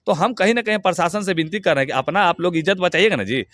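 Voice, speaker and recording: A man rants in an interview, his voice pitched a little high. He speaks with heated, crude emphasis, close and dry on the mic with no room sound. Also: fast, fairly bright tone, no room sound. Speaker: interview guest.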